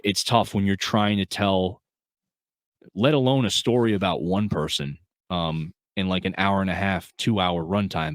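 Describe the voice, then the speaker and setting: On a casual film review podcast, a low-pitched male co-host speaks earnestly and ramblingly, with lots of fillers and restarts. The recording has no echo.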